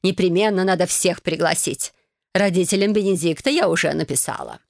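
A woman's voice: fairly low pitch, fairly quick, creaky, darkish tone, no room sound, studio quality. A woman doing a gushing bossy mother. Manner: effusive, steamrolling, chatters on. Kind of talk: audiobook character voice.

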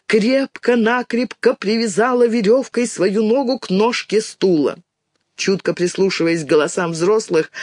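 Man, audiobook narration, somewhat high voice, dry close mic. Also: no echo. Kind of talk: scripted narration.

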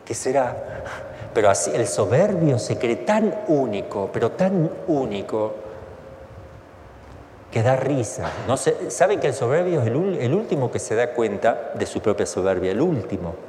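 Animated priest preaching. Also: male voice, medium pitch, normal speed. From Argentina. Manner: animated, asks rhetorical questions, colloquial. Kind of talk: sermon. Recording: echoey hall, faint background noise.

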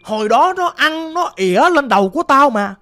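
A man's voice: very high voice, normal speed, vocal fry, bright, forceful tone, pitched above the performer's own voice, full character voice. A man voicing a vicious male spirit possessing an old grandmother, snarling and cursing threats in a storytelling recording. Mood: menacing.

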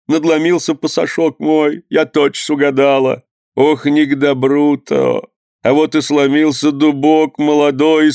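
A man voicing an old peasant-era mother who wails and grumbles crossly, in a drawn-out lament style. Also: medium pitch, dry recording, studio quality, lightly acted. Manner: wailing folk lament, drawn out. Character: old woman, wailing grieving mother, cross.

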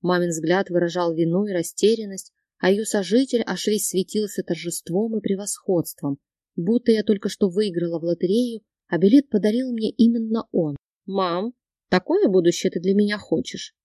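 A woman reading a first-person audiobook with steady, expressive narration. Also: medium pitch, moderate pace, breathy edge, no echo, studio quality.

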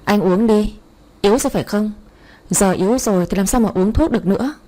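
A woman's voice: medium pitch, a little fast, dark tone, lightly acted. Woman doing a gloating scheming man in his fifties. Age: 50s. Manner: gloating, taunting. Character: scheming middle-aged man, gloating villain.

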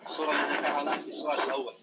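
A man calling in to ask a teacher a question over a garbled, noisy, low-quality online call, talking rapidly and politely. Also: little pitch movement, a loud crowd. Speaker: caller asking a question. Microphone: remote call audio. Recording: tinny, noisy phone-like call line.

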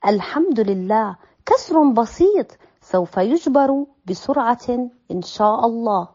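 A woman's voice: on the high side, lively intonation, unhurried, dark tone, pitched below the performer's own voice. A woman doing a tender reassuring mother. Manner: tender, soothing. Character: gentle mother, calm and reassuring. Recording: slightly dull recording, faint music.

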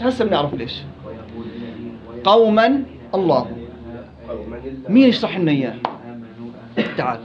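A man teaching Quran recitation rules, quizzing his students and repeating words slowly. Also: high-pitched, highs cut off. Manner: quizzing students, drawn-out slow repetitions. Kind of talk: interactive tajweed class.

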